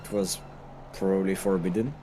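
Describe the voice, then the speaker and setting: A man's voice: low voice, steady tone, moderate pace, background noise. A man on team voice chat during a sim race, chuckling and reacting to the action on track. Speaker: team driver.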